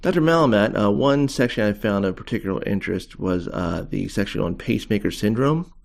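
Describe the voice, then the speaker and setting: Brief: male host, low gravelly voice, courteous interviewer. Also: animated, a little fast. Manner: polite, formal questioning. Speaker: podcast host. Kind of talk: interview questions.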